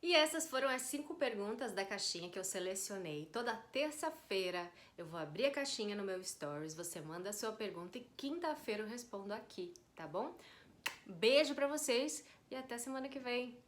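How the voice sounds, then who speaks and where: A woman's voice: medium pitch, big pitch swings, brisk, few pauses, fairly bright tone. A woman, chatting casually to camera and answering her viewers' questions. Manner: chatty, addresses viewers directly with frequent tag questions. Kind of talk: casual advice chat to camera.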